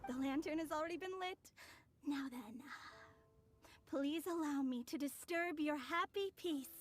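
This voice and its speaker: A woman's voice: high voice, measured pace. A woman voicing a confident, mysterious young woman in a video game, poised, formal and slyly teasing. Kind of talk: scripted video game dialogue. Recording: music under the voice.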